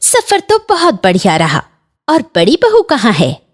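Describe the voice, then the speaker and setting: A woman's voice: fairly high pitch, wildly swooping pitch, measured pace, exaggerated voice. Woman voicing a fussy scolding aunt. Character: bossy demanding older aunt, visiting guest. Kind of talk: Hindi cartoon voice acting.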